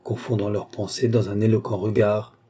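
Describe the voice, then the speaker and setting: A man narrating an audiobook of a classic novel with calm, even delivery. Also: fairly low pitch, normal speed, husky. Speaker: audiobook reader. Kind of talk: scripted narration.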